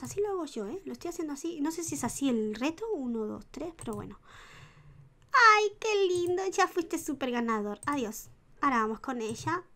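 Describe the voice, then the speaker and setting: A woman with a Spanish accent who now and then slips into an Argentine one, chatting casually over a life-sim game, counting aloud and dropping into whispers. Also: a little high. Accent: Spanish (Spain), sliding into a put-on Argentine. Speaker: gaming YouTuber. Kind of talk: casual Sims gameplay commentary.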